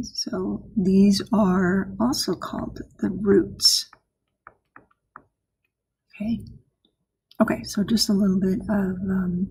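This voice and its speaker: Husky slow-talking woman math teacher. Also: mid-range voice. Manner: soft-spoken, explains step by step with frequent "right?" checks. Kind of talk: recorded math lesson.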